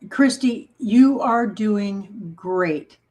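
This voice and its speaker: A woman's voice: mid-range voice, very slow, darkish tone. Casual woman host on a home baking stream, friendly chat with viewers, encouraging and playful. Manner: chatty, reads and answers viewer comments.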